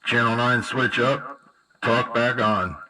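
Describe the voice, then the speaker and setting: A man's voice: mid-range voice, fairly even intonation, slow, sharp tone. A man casually narrating a demo of a CB radio he built, slangy and upbeat. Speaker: CB radio builder.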